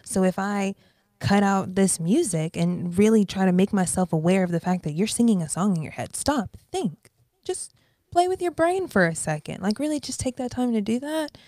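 A woman in her twenties, a guest artist chatting on a podcast, talking in an animated way and sometimes dropping into a whisper. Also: mid-range voice, moderate pace, dry recording, clean studio sound. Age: 20s. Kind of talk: casual podcast conversation.

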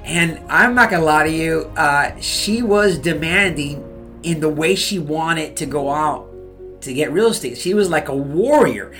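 A man's voice: a little high, lively intonation, a little slow, fairly bright tone, faint music behind. A man giving real estate advice in a motivational talk, fired up, pushing his listeners with repeated "okay?" and "you guys.".

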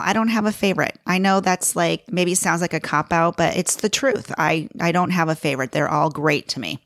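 A middle-aged woman with a Chicago accent hosts her own podcast in a fairly low voice, chatting casually and often laughing at herself. The studio recording is clean and dry, with no echo.

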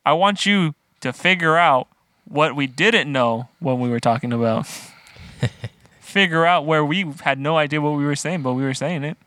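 A man's voice: fairly high pitch, normal speed, pushed and bright, dry recording. Laughing, swearing podcast guy. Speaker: podcast co-host. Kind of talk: casual podcast chat.

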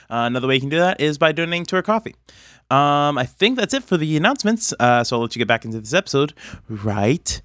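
A man hosting and narrating a tabletop game podcast in an informal, halting, improvised way. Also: mid-range voice, fairly bright tone, clean tone, no echo, clean studio sound. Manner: halting, filler-heavy, informal. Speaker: game master and podcast host.

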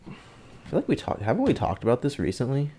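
A man's voice: mid-range voice, huge pitch swings, a little fast, warm tone, slightly rough. A young man co-hosting a podcast, chatting casually in a crude, joking way and laughing often. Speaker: podcast co-host. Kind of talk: casual chat.

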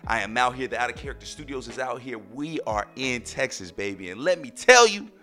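A man speaks as the host of a casual solo podcast. His voice is mid-pitched and his delivery emphatic, with phrases repeated for effect. Faint music sits behind him. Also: lively intonation, a little fast, pushed and bright.

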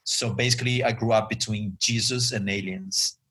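Relaxed man, lower voice. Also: moderate pace. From Brazil. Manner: relaxed, chatty, many ums and you-knows. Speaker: guest, advertising creative director. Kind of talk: interview conversation.

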